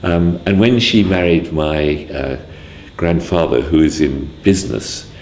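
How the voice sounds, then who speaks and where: Man in his sixties, from Wales, hesitant, very low voice, echoey room. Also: a little slow, darkish tone, slight background noise. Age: 60s. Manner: hesitant, full of ums and restarts. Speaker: interviewee. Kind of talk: casual spoken memoir.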